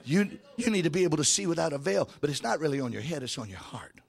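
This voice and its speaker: High-pitched, gravelly Southern-style revival preacher man. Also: sing-song, quick pace. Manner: swings between conversational asides and shouted, half-sung proclamation. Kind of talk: fervent revival-style sermon with call-and-response.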